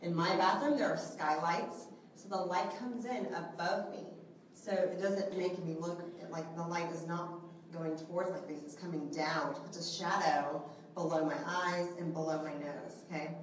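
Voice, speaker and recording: A woman with a soft, lowish voice teaches a live selfie workshop to a small audience in an indoor room with a large window, keeping fairly even intonation at normal speed. Her chatty style includes frequent questions and many okays and rights. Heard through a handheld microphone, she sounds distant and echoey, with slight background noise.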